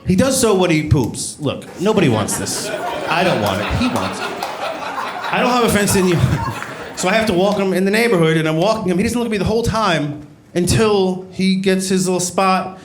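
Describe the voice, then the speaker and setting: A man performing observational stand-up comedy, telling stories in an animated way and acting out exchanges. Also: high voice, normal speed. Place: live comedy show before an audience. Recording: echoey room, clear background noise, live audience.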